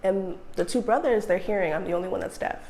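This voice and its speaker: A woman sign language interpreter speaking in the first person, measured and earnest, with steady pauses. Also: medium pitch, a little hiss or hum.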